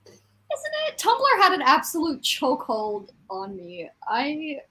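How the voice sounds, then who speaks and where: Taking part in a live reading stream, this young woman from a small French-Canadian town joins the casual group chat with exclamations and swearing. She speaks slowly in a high, sharp voice whose pitch swoops wildly, captured on a rough recording.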